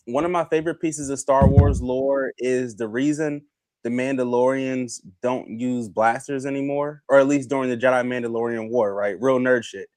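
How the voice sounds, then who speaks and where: A man's voice: medium pitch, steady tone, normal speed, a little mellow, dry recording. A man co-hosting a podcast, telling laid-back stories about anime and sci-fi lore with a laugh. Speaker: podcast co-host. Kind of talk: casual anime chat.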